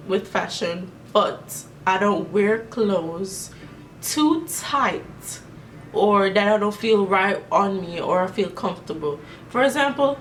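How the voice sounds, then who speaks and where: A young Jamaican woman vlogger with a medium-pitched voice and a Jamaican accent chats her way through get-to-know-me questions in a casual Q&A vlog, rambling and leaning on plenty of fillers. She's recorded on a camera mic placed at a distance, with a little hiss or hum in the audio.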